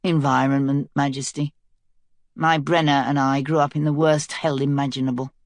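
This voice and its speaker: A woman reads a cynical caged man, low voice, slow mocking drawl, each jab pushed in lazily. he's dry and close in the audiobook, no room around him. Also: level tone, dry recording. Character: cynical scheming male prisoner, sly.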